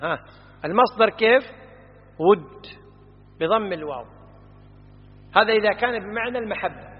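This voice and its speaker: A man's voice: high voice, lively intonation, normal speed. A man giving a classroom lecture on classical grammar, explaining word forms and quizzing his students. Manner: explanatory, quizzing students, stresses vowel patterns. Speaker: Arabic grammar teacher. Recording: dull lo-fi audio with long hall reverb.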